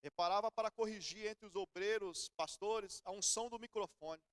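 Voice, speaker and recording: A man's voice: high-pitched, moderate pace, clean tone, dry recording, clean studio sound. A middle-aged Brazilian man preaching a sermon in church, telling everyday stories in a conversational way. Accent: Brazilian Portuguese. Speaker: pastor.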